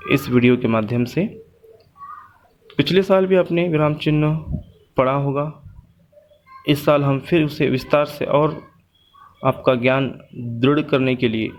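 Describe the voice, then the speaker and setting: A man's voice: medium pitch, lo-fi sound. A man teaching a school grammar lesson, speaking patiently and repeating his points and lists.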